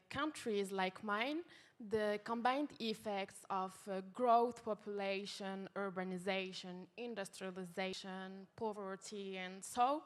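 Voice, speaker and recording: A young woman from Morocco speaking on a conference panel, pausing to search for her words. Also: medium pitch. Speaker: youth activist on a panel. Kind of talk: panel discussion.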